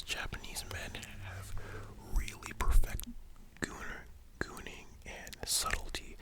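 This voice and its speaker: A voice in a soft library whisper, giving an explanatory lesson as an ASMR whispered role-play. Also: extremely high pitch, low-quality recording. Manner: explanatory, checking the listener understands. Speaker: ASMR content creator.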